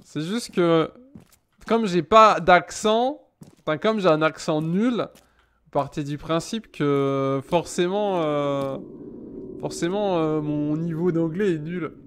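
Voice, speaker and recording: In a small room at home, a French man in his thirties streams a game, bantering with chat at his desk mic in a teasing, mock-indignant Let's Play style. His voice is a little high, slow and fairly bright, with slight background noise.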